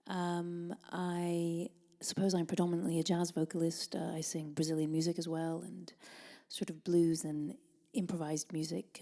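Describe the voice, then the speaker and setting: A woman from Italy, raised in Denmark, answering interview questions in a thoughtful, hesitant way and sometimes dropping to a near whisper. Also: lowish voice. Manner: thoughtful, many ums and uhs; soft, at times drops to a whisper. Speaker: jazz vocalist and band leader.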